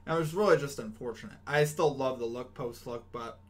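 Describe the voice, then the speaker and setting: A young man with a medium-pitched voice hosts a sports betting show, talking briskly through his picks. His casual breakdown is loose and chatty, full of ums and restarts, and he signs off upbeat.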